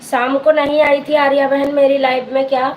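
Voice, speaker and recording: A woman's voice: sits high, level tone, normal speed, lo-fi sound, a little hiss or hum. A woman, a folk singer chatting casually with viewers on a live stream, calling them sister and reading their comments aloud.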